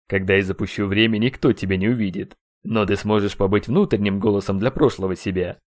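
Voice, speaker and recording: A man voicing a sly, booming male dark entity in an audiobook, sugary and mocking in tone. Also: steady tone, a little fast, lightly acted. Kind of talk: audiobook character voice.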